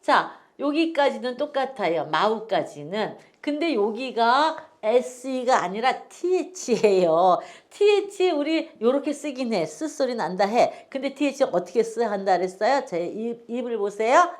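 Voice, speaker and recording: Patient woman teaching slow phonics. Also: on the high side, sing-song. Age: older. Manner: patient, repeats words for learners to follow. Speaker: English teacher. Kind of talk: slow phonics lesson for older learners.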